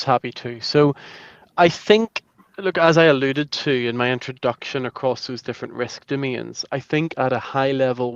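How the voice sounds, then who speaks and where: A man of middle pitch, speaking in a fluent, measured way with the odd "look" as a filler. His voice comes through a dry, slightly muffled video-call line with no room sound at all. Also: clear, resonant tone, no room sound. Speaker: panelist, consultancy director. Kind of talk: webinar panel discussion.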